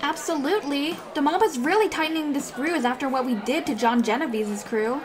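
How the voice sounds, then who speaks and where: Cocky high-voiced schoolgirl vigilante Hit-Girl, played by a woman. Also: fairly quick, noisy background, natural voice. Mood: cocky, eager. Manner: matter-of-fact, cocky, foul-mouthed. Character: brash, tough schoolgirl vigilante, fiercely devoted to late father. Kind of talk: comic dub narration and dialogue. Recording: music behind the voice.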